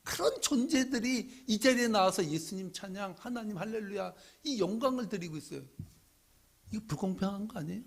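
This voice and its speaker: Middle-aged pastor guy preaching, husky voice, gets loud then drops real quiet. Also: sits high, brisk. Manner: animated preaching, swinging from loud questions to hushed asides. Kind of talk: sermon.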